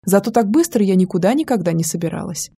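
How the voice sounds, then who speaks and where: A woman narrating an audiobook in the first person, telling the story in a lively way. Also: medium pitch, fast, vocal fry, husky. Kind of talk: scripted narration.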